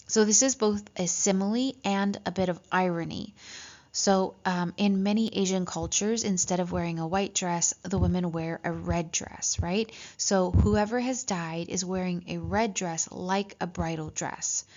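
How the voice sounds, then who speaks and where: A woman teaching a literature lesson, reading passages from a story and explaining them, often checking in with "right?" and pausing on "um". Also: fairly low pitch, steady tone, darkish tone. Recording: dull lo-fi recording.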